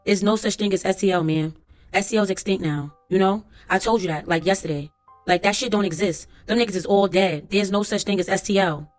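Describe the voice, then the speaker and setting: A woman voices a young male witness on the stand, rendered in a plain transcript-reading voice. The delivery stays level at a middle pitch, with casual street slang and faint background music underneath. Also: a little fast, natural voice. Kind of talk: transcript read-aloud.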